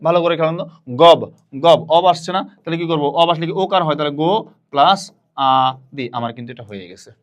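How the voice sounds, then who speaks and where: Guy teaching a class online, bit high voice, keeps repeating words for you to say back. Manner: repeats words aloud slowly for students to echo. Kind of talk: online admission-prep grammar lesson.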